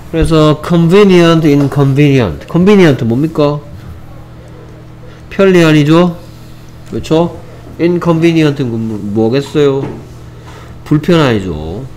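A man's voice: on the high side, a little mellow, slight background noise. A man teaching an English vocabulary lesson. He explains step by step, repeats each phrase, and mixes English examples into his explanations, speaking English with a Korean accent.

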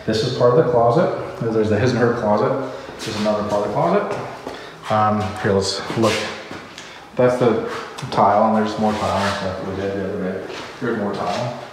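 Talking briskly in a lowish voice over a noisy background, a home builder vlogger casually explains building and flooring with jokes and tangents. He records in a bare, unfinished house whose empty rooms echo, the mic placed far away.

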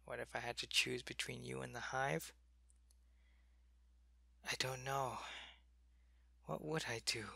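In this ASMR roleplay, a male performer plays an ailing changeling soldier devoted to his queen, feverish, weak, and hurting. His exaggerated, mid-range voice stays steady, coming out slow, soft, and weary as a gravelly, husky half-whisper with a bright, sharp edge. The sound is close-miked and dry.

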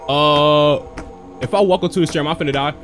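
A young American man with a fairly high voice gives quick, casual, slangy gameplay commentary as a streamer. He reacts aloud into a close microphone from a small indoor bedroom setup, with music behind him.

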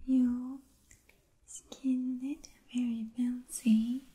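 Gentle young princess played by a woman, Vietnamese accent, whispered role-play; very slow, breathy, extremely soft and mellow delivery. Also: on the high side, level tone. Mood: gentle, attentive. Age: young adult. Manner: slow, soothing, attentive, halting short phrases.

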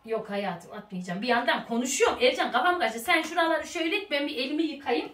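A woman vlogger retelling a story in casual chat at home while cooking, lively and chatty, bossing her husband. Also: high-pitched, fast talker, echoey room, distant mic.

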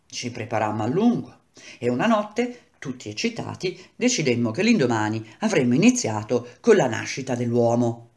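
A woman reading a novel aloud, using wide swings in pitch and loudness and slowing down to stretch key words for effect. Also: very animated. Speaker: reader.

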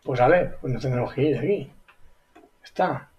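A man giving casual gameplay commentary, excitable, repeating exclamations and squealing high when amazed. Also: normal speed, highs cut off, a little hiss or hum. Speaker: gaming YouTuber.

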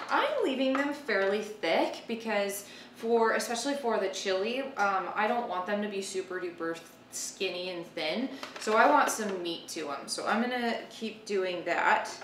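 Medium-pitched and speaking at normal speed, a woman in her thirties hosts an informal cooking demo at home, thinking out loud while she works. Slight background noise is audible; a distant mic in a roomy kitchen picks up loud chopping, clicks and pans clattering.

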